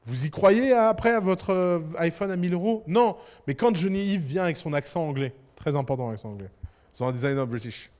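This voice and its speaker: High-voiced animated male lecturer. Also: a little fast. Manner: animated, provocative, talks to the audience directly. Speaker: business conference speaker. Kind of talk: lecture to entrepreneurs. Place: conference hall. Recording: reverberant conference hall.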